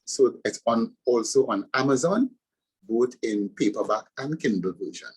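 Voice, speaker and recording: A Trinidadian man, a pastor and author, talks in an earnest, preacherly way. His voice is husky and slightly breathy at an ordinary male pitch. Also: lively intonation, moderate pace, poor audio. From Trinidad and Tobago. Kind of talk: interview answers.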